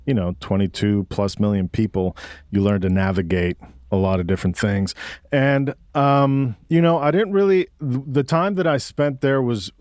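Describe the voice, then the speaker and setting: The speaker is a guest musician, a man in his forties from Mexico City, with a mid-range, darkish voice at a moderate pace. He thinks aloud through a casual, reflective interview, slang and all, in clean studio sound with no room sound.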